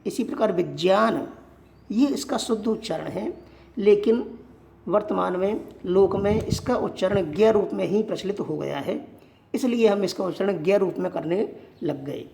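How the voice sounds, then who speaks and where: A teacher giving a Sanskrit grammar lesson, asking questions and answering them, repeating points slowly. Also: medium pitch, creaky, a little mellow. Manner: poses questions and answers them, slow and repetitive. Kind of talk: classroom-style grammar lesson.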